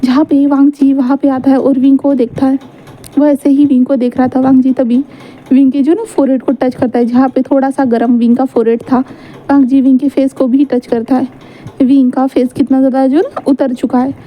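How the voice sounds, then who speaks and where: A woman's voice: high voice, level tone, fairly quick, muffled recording. A woman casually narrating a romance fan fiction story. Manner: casual retelling with fillers.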